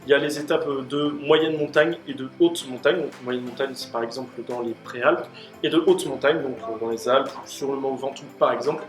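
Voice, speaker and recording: A man's voice: medium pitch, a little fast. A man hosting a question-and-answer video, explaining at length with many fillers and restarts. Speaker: host answering questions on cycling. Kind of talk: casual explanatory Q&A. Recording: roomy room with faint music.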